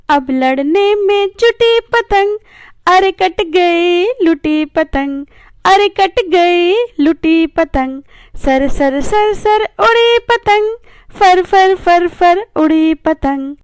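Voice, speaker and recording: A woman's voice: extremely high pitch, dry recording, studio quality. A woman teacher addressing small children and reciting a rhyming poem in a sing-song way. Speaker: primary school teacher.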